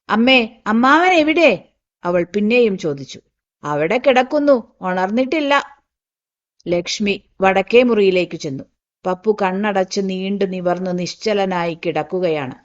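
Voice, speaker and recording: A woman narrates a literary novel in a slow, measured and solemn voice. She lets each sentence settle before the next one. The sound is slightly dull and lo-fi. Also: mid-range voice.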